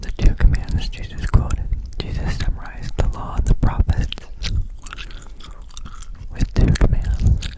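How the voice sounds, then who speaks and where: A man's voice: measured pace, rough recording. A man whispers ASMR ear to ear close to the mic, repeating words and phrases, with wet mouth sounds and gum chewing. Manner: whispers throughout. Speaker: ASMR channel host.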